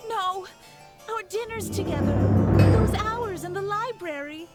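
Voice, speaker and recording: A woman's voice: very high-pitched, a little slow. A woman playing a young, lovestruck fairy-tale beauty in theatrical game melodrama, drawing out her words. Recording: music behind the voice.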